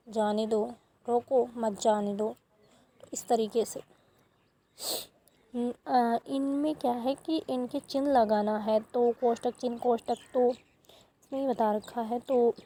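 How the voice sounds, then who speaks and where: A woman's voice: a little high, dark tone, poor audio. A woman teaching a grammar lesson, explaining step by step and stopping to correct herself.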